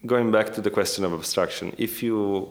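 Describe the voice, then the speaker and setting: Speaking at an ordinary pace, a low-pitched man answers questions as an academic researcher in a scholarly interview. His careful wording is tentative and frequently revised mid-thought.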